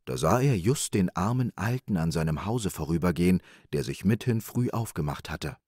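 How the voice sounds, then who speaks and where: A man narrating a fairy tale at bedtime with calm, expressive storytelling. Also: deep voice, moderate pace, husky, no room sound, clean studio sound. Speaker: audiobook narrator.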